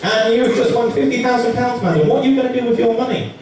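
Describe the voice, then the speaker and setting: A man's voice: very high-pitched, fast. A man working as a stage hypnotist at a live show, giving repetitive, commanding suggestions to volunteers. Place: large indoor stage show venue. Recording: echoey hall, distant mic, loud music. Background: loud music.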